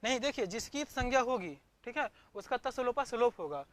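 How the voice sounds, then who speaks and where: In a very high-pitched, bright voice, a man teaches an online Sanskrit grammar class at a brisk, expressive pace. He poses questions and answers them himself, repeats each term, and searches the screen for his notes aloud mid-lesson.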